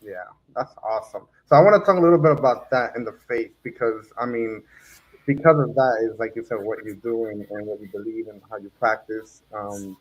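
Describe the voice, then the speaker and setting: A man's voice: on the low side, a little fast, husky, lo-fi sound. A man from New Jersey hosting an interview, chatty and laughing often, with many fillers. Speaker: podcast host. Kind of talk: casual interview.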